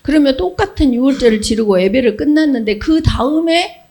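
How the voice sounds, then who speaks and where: A woman's voice: high voice, a little fast. A middle-aged woman giving a children's sermon, telling the story with questions to the kids and acting out the voices. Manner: animated storytelling, acts out characters, asks children questions. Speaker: children's pastor.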